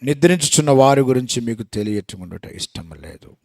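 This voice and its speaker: A man preaching a sermon, swinging between loud exclamations and hushed asides and asking the congregation rhetorical questions. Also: medium pitch, lively intonation, a little fast, no echo, studio quality.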